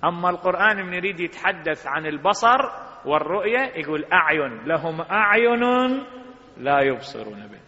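A man's voice: a little high, lively intonation, a little fast, sharp tone. A man with an Iraqi Arabic accent preaching a sermon, reciting scripture with rising emphasis. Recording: dull lo-fi sound with long hall reverb.

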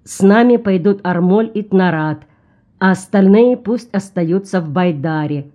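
A woman voicing a calm, plain-spoken man who leads his fellow villagers, speaking tersely and firmly, in an audiobook. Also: medium pitch, unhurried, natural voice.

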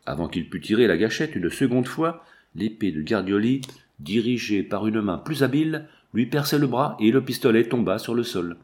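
A man narrating an adventure novel in a steady, measured audiobook reading. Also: fairly low pitch.

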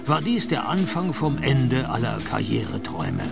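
An actor playing a sardonic, world-weary private detective and narrator in a noir radio drama, deadpan and dry. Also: male voice, mid-range voice, moderate pace, creaky, music in the background. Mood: wry narration.

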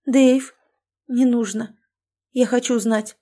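A woman's voice: on the high side, fairly even intonation, takes it slowly, dark tone, pitched above the performer's own voice. A woman voicing a fierce, emotional young werewolf woman in an audiobook, speaking in an agitated, raised tone.

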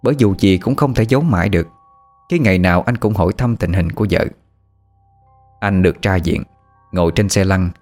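A man reading a sad story aloud in slow, mournful scripted narration. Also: sits low, darkish tone. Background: faint music.

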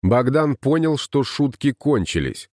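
A man narrating an audiobook in a steady storytelling manner. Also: mid-range voice, a little slow, no room sound, clean studio sound. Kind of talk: scripted narration.

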